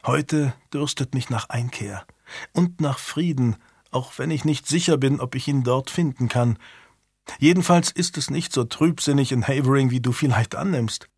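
A man reading an audiobook voices a grieving older noble widow, speaking quietly and sadly. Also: mid-range voice, normal speed, breathy edge, dry recording, clean studio sound. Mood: melancholy.

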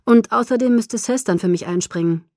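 A woman's voice: fairly high pitch, fairly quick, a little mellow, dry recording, studio quality, lightly acted. A woman reading the lines of a brash, protective young man in an audiobook, in a firm, clipped voice. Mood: stubborn.

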